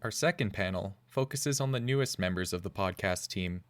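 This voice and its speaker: A male podcast host introducing guests and asking questions in a measured, scripted way. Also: deep voice. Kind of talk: scripted narration and interview questions.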